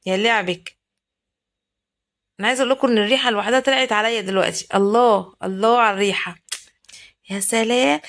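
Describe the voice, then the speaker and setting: A woman's voice: on the high side, a bit bright. Chatty Egyptian woman cooking vlogger. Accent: Egyptian Arabic. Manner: chatty, exclamatory, addresses viewers directly. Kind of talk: casual cooking vlog narration. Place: home kitchen.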